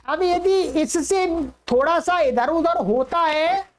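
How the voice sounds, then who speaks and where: A woman teaching an online class, patiently repeating each sound slowly for her learners. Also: very high-pitched. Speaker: Sanskrit teacher.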